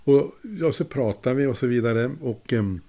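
A man's voice: mid-range voice, dark tone. An older man telling a casual anecdote, chuckling now and then and acting out the voices of the people he quotes. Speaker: storyteller.

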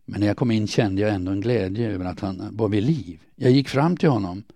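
A man reading a first-person diary aloud in a quiet, measured, somber way. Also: on the low side, dry recording. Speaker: audiobook narrator.

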